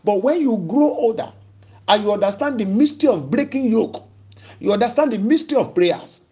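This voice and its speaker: A man's voice: high-pitched, lively intonation, fairly quick, mellow. A man preaching, retelling a scripture story with emphatic, dramatic repetition. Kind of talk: sermon storytelling.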